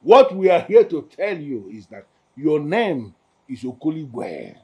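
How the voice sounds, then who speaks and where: An actor with a Nigerian accent playing a solemn village elder who lectures and insists. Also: male voice, on the high side, sing-song, a little slow, darkish tone. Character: solemn older male elder of the council.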